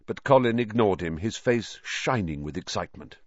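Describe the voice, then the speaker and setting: A man reading an audiobook in scripted narration, expressive and voicing the characters. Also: fairly low pitch, moderate pace, dry recording, lo-fi sound.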